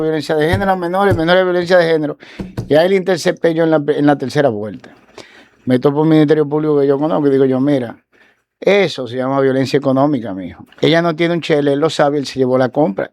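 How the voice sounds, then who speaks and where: A man with a fairly high-pitched voice, appearing as a guest lawyer on a talk show, tells a case story casually and animatedly, acting out the quoted dialogue.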